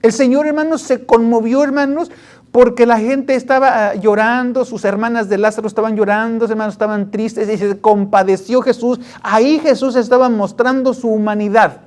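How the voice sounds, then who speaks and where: A woman's voice: fairly high pitch, fairly even intonation, normal speed, a little mellow. A woman preaching a sermon in a conversational way, retelling stories and scripture and constantly addressing her listeners as brothers. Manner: retells anecdotes and scripture with frequent restarts.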